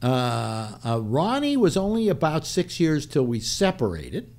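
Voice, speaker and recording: A man's voice: fairly high pitch, wildly swooping pitch, unhurried, a little mellow. Give me an older male host who rambles and jokes through a loose panel chat. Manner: rambling, repeats himself, joking.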